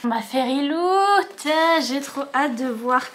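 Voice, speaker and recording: A young woman with a fairly high voice chatters through a casual unboxing vlog at home, bubbly and gushing. Her excitement comes in quick bursts, and a faint hiss sits under the recording. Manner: talks to her dog in a higher voice. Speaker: book vlogger.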